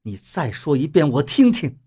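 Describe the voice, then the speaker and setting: A man voicing a young woman in an audiobook, pleading and then demanding answers, his voice raised in pitch. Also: sing-song, normal speed, dark tone, breathy edge. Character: young woman, torn and tearful.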